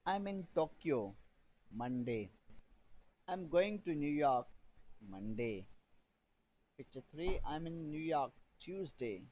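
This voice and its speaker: A man teaching a beginner English lesson, reading drill sentences slowly and repeating phrases for learners to copy. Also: a little high, animated, mellow, slight background noise, poor audio.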